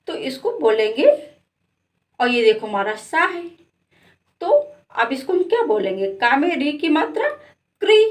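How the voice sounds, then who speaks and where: A woman with a Hindi accent teaching children to read syllables, repeating each sound and asking it back. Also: high-pitched. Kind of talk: slow classroom lesson with call-and-response drilling.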